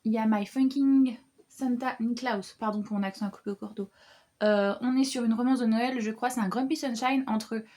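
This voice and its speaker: Chatty young woman with a bright voice. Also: on the high side, fast talker. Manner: chatty, many fillers and restarts, animated. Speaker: book vlogger. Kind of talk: casual book haul chat.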